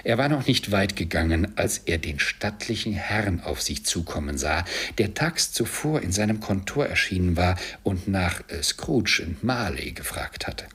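Male audiobook narrator, lowish and husky, dramatic and lively, drops to whispers. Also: a little slow, hardly any pauses. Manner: dramatic reading, sometimes dropping to a whisper. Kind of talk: expressive storybook narration.

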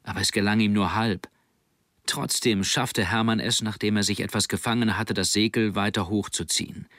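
A man narrating an audiobook in a steady, measured reading. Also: on the low side, no room sound, studio quality. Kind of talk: scripted narration.

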